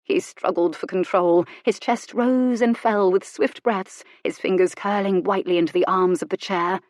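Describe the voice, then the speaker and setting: A woman narrating a romance novel in an intimate, measured reading. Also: mid-range voice, steady tone, darkish tone, no echo, clean studio sound. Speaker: audiobook narrator.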